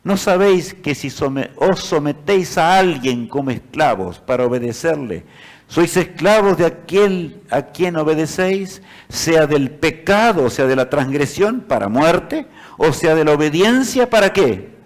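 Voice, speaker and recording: A man preaching a sermon, speaking to his listeners as brothers, swinging between loud declarations and hushed passages. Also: on the high side, very animated, measured pace.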